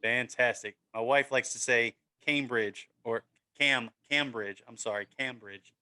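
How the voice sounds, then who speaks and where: A man's voice: medium pitch, steady tone, unhurried, sharp tone, smooth. A man hosting a casual sports podcast, upbeat and encouraging, often tagging "man" and "right?" onto his sentences. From Maryland, USA. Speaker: podcast host.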